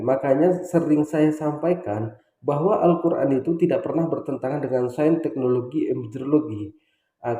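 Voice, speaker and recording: A man's voice: a little high, dark tone, reverberant, highs cut off. A man giving preachy religious commentary, emphatic and lecturing, listing his points one by one.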